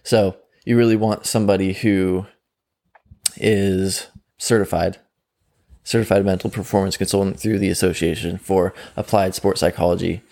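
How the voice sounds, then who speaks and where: A young man who works as a mental performance coach chats easily in an interview, laughing often and dropping plenty of likes and ums. His voice is low and slightly creaky with a touch of mellowness, delivered at an ordinary pace in a level tone.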